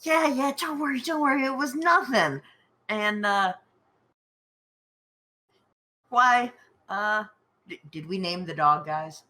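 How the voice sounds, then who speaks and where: A woman's voice: mid-range voice, lively intonation, measured pace, bright, forceful tone. A woman voicing a cocky male ghost hunter in a tabletop role-play, brash and showy. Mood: reassuring.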